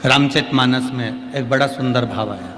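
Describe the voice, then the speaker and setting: A man's voice: normal speed, slight background noise. Fervent male preacher in a reverberant hall. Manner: fervent, swinging between loud high calls and quiet low asides. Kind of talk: devotional story sermon. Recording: long hall reverb, faint music.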